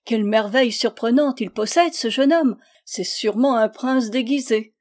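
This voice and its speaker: A woman's voice: fairly high pitch, normal speed, a little mellow, natural voice. A woman reading a storybook, voicing a haughty, spoiled young princess who gives commands. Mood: amazed. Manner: commanding, exclamatory.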